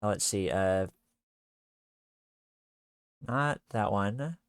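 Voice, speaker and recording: A male streamer chatting casually on a livestream while working on 3D art, speaking haltingly with many fillers and half-finished sentences. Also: on the low side, clean tone, dry recording, studio quality.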